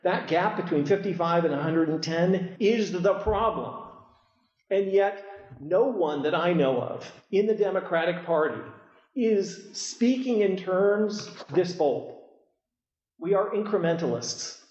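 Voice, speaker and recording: High-voiced man speaking on a muffled, echoey low-quality stream. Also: expressive, measured pace, darkish tone. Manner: emphatic, repeats words when starting. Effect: low-quality live stream recording. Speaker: conference speaker. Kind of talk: public speech at a conference. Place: conference hall. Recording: echoey, muffled hall recording.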